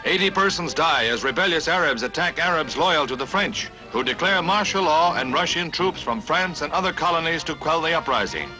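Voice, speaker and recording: A man narrates a 1950s newsreel in a punchy, dramatic announcer style, his voice on the higher side, expressive and fairly quick with few pauses. He drops wry one-liners between stories while a strong music bed plays clearly underneath, and the audio quality is poor.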